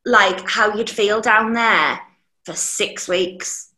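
A woman's voice: medium pitch, takes it slowly, bright, forceful tone. A young woman with a Teesside accent chatting casually and candidly as a podcast guest, with some mild swearing. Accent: Teesside, North East England. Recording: echoey room.

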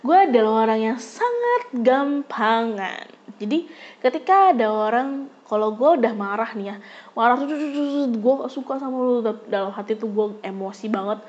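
A young woman spins a casual personal story, her voice sitting a little high and springing higher still whenever she acts out a row. The recording is dull and lo-fi, with the top end rolled off. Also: moderate pace. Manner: animated, jumps high when acting out arguments.

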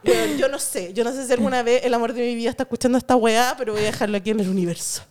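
Animated Chilean woman retelling a film. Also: fairly high pitch, racing, very noisy. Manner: animated storytelling, swears freely, acts out lines. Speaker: podcast co-host. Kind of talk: casual chat.

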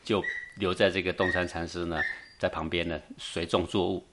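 A man with a somewhat low voice gives a Buddhist talk as a storyteller. He tells the tale with animated energy and chuckles often. He keeps turning to his listeners to check that they agree. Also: normal speed, noisy background. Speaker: Buddhist teacher.

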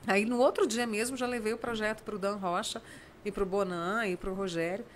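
A woman's voice: mid-range voice, steady tone, normal speed, a little hiss or hum. A woman, a writer and radio chronicler, telling stories in a casual interview and acting out the dialogue in them. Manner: warm storytelling, acts out dialogue.

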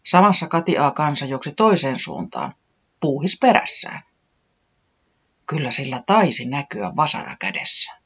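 Expressive storybook narrator. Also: medium pitch, slightly rough, highs cut off.

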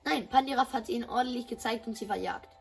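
A woman voicing a bubbly, eager schoolgirl in a game dub, talking excitedly. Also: a little high, fast, vocal fry, distant mic, soft background music. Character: cheerful eager schoolgirl champion. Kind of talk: dubbing game dialogue.

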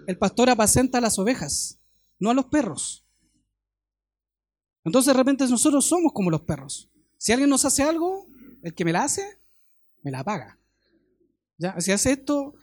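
A middle-aged man with a Chilean accent, preaching a sermon in a conversational way with homely stories and quick questions to his listeners. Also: high-pitched, darkish tone.

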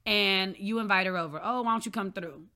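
A woman's voice: mid-range voice, a little fast, bright, forceful tone. A woman in her early thirties co-hosting a casual podcast, giving frank dating advice and acting out quoted lines. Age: early 30s. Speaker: podcast co-host.

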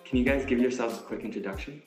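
A man's voice: mid-range voice, fast talker, echoey room, over music, poor audio. A young man from Canada, co-host of a podcast, leading the conversation in a friendly, upbeat way. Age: young adult. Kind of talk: casual podcast hosting.

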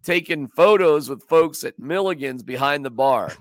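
A man's voice: a little high, expressive, moderate pace, no room sound, clean studio sound. A man hosting a casual sports podcast, joking and rambling as he chats with his co-host. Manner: joking, rambling, does silly voices.

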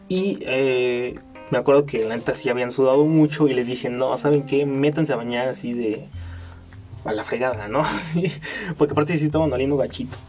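Chatty young Mexican man, mellow voice. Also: mid-range voice. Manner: chatty, laughs often, many fillers. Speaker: podcast host. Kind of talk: casual storytelling.

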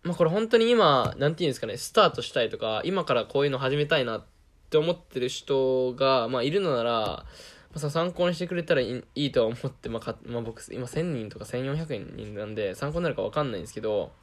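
A man's voice: mid-range voice, lively intonation, fast talker. A young man with a Kansai Japanese accent, talking in a casual, self-deprecating monologue and laughing often.

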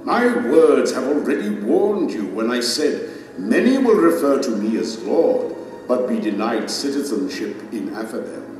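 A man's voice: medium pitch, sing-song, a little slow, darkish tone. An actor playing a majestic, stern king and divine judge in an audio drama, speaking with solemn, commanding deliberation. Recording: very echoey hall, distant, music behind.

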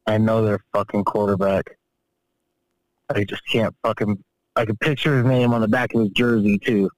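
A man co-hosting a casual sports podcast, telling stories in an animated, profane way. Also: lowish voice, normal speed, no echo, poor audio. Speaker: podcast co-host.

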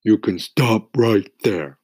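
A man's voice: on the low side, a little slow, mellow, husky, no echo, studio quality, pitched above the performer's own voice. A man voicing a grumpy, fussy male earthworm in a storybook reading, indignant and huffy.

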